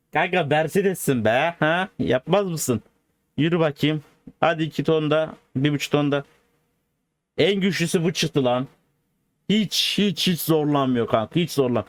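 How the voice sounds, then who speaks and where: A man giving casual, excitable gameplay commentary as a video host, joking and bantering in slangy street talk. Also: on the high side, dry recording.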